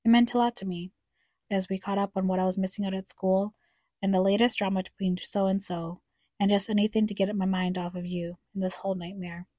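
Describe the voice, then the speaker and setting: A woman's voice: mid-range voice, fairly even intonation, a little fast, dark tone, dry recording, clean studio sound. A young woman reading a scripted, somber personal narration, speaking reflectively to her late mother. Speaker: podcast co-host narrator.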